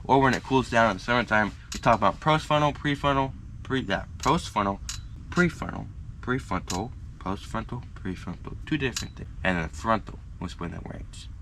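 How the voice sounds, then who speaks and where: A male fishing host talks in a mid-pitched, bright and forceful voice. He rambles casually, repeats himself and throws in jokey slang. There is faint noise in the background. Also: expressive, moderate pace. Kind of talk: casual unscripted fishing tutorial.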